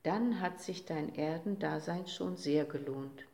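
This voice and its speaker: Woman as a gentle, comforting mother day. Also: low-pitched, unhurried, vocal fry. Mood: consoling. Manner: soft, consoling. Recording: roomy echo.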